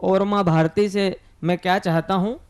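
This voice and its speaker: A man's voice: high voice, fairly even intonation, moderate pace, darkish tone, clear, resonant tone. A man, a poet and history lecturer, recites metered Hindi verse in a melodic chant and repeats closing lines for emphasis at a poetry gathering.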